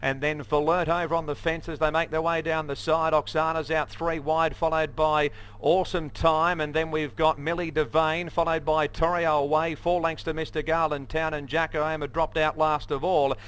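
A man's voice: fairly high pitch, flat delivery, moderate pace, hardly any pauses, fairly bright tone, clear, resonant tone. A man with an Australian accent calling a horse race live, in a running commentary that lists runners and margins.

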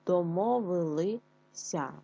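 A woman teacher giving a reading lesson, pronouncing words slowly and clearly, then reading a fairy tale aloud. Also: lowish voice, lively intonation, warm tone, highs cut off. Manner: slow, careful enunciation of words. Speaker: primary school teacher.

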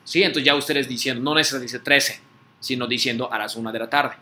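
Guy teaching a class, brightish voice, keeps going "¿sí?". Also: medium pitch, fairly even intonation, fast. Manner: patient, repeats words for students to echo, frequent "¿sí?" checks. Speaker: Japanese language teacher. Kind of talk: online class drill, call and repeat.

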